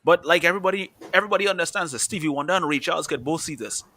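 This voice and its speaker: A man's voice: fairly high pitch, rapid-fire, bright, forceful tone. A man in his thirties co-hosting a casual football chat, rambling with restarts and laughing easily. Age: 30s. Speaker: podcast co-host.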